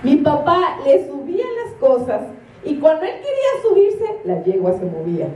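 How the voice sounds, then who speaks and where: A woman's voice: high-pitched, very animated, normal speed, darkish tone, slight background noise. A woman, a minister preaching a sermon and telling stories with acted-out quotes and laughter. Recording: echoey room from a distance.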